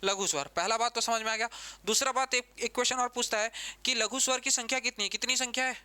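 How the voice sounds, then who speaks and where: Bright, clear-voiced male teacher. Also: very high voice, fairly even intonation, fast. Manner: repeats key terms, keeps asking the class questions. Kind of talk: exam-prep grammar lesson.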